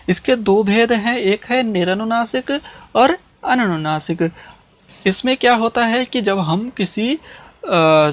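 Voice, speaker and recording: A man teaching a grammar lesson, who poses questions to his students and answers them himself, repeats key terms, and checks in with "okay" after each point. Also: high voice. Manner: checks in with "ठीक है" often. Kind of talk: classroom-style explanation lesson.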